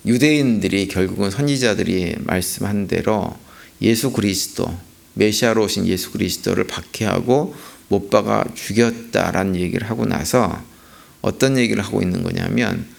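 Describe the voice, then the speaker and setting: A man's voice: lowish voice, vocal fry. A man preaching a sermon as a pastor, asking rhetorical questions and repeating key points for emphasis. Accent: Korean. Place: church sanctuary.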